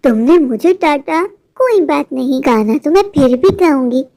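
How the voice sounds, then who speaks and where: A woman voicing a vengeful female witch spirit in a horror cartoon, who makes slow, drawn-out threats and sings eerily. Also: sits high, animated, mellow. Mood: eerie singing.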